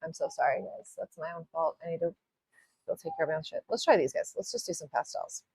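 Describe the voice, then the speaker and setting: A woman's voice: low voice, quick pace, a little mellow, breathy edge, no room sound. A woman hosting a live nail art tutorial, chatting casually as she works, rambling, apologizing and swearing a little. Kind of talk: live-stream tutorial chat.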